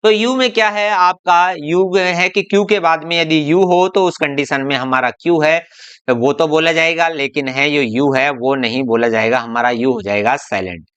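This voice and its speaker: Bright, crisp-voiced Indian male teacher. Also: on the high side, muffled recording. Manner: slow, deliberate drilling of example words one by one. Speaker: English teacher. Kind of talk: classroom-style lesson.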